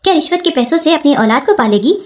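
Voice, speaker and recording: A woman's voice: a little high, sing-song, mellow. A woman voicing a stern older mother who scolds her daughter in a reproachful, lecturing way. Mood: scolding.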